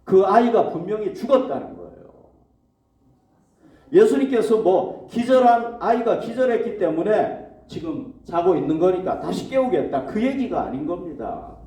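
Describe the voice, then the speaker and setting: Pastor preaching in an echoey church hall. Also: male voice, high voice, very animated, normal speed, warm tone, far from the mic. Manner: asks the congregation questions and answers them himself. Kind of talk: sermon.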